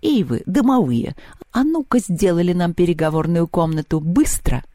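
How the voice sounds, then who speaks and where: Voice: mid-range voice, animated, moderate pace, mellow, dry recording, clean studio sound, lightly acted. A reader voicing a scheming, mocking ancient female villain who giggles and sneers. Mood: bossy.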